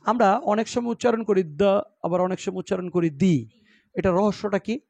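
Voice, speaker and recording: Bangladeshi guy teaching english grammar, high voice with some rasp, keeps asking the class stuff. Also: moderate pace, darkish tone, no echo, dull audio. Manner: explains in Bengali, mixing in English words and example sentences; asks the class questions and repeats answers.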